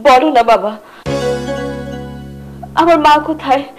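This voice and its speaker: A woman's voice: high voice, unhurried, faint music behind. A young actress playing a distressed daughter who pleads tearfully with her father in a TV drama. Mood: pleading. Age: young adult. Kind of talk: TV drama acting.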